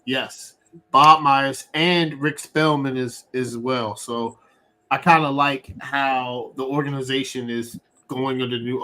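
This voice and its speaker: A man hosting a live sports fan show, talking eagerly with frequent restarts. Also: mid-range voice. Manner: excited, talks fast with many restarts.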